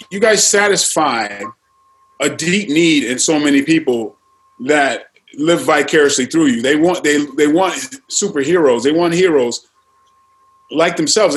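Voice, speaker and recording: A man, a martial arts actor on a panel, speaking earnestly with many halting fillers. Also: fairly high pitch, poor audio. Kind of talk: panel discussion.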